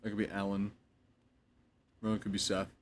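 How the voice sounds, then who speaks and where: A man chatting casually off to the side of a stream, relaxed and playfully teasing. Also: on the low side, moderate pace. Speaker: stream co-host. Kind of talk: casual chat.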